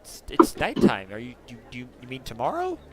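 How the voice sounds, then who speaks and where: A man's voice: mid-range voice, huge pitch swings, fairly quick, over a noisy crowd. A man voicing a proud, easily offended male archmage in a tabletop game, answering in a snappish, indignant way. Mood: irritated.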